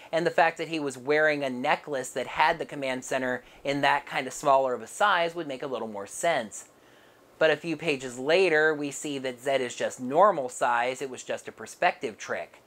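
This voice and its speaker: A woman narrating a casual comic book review with wry, sarcastic asides. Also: low-pitched.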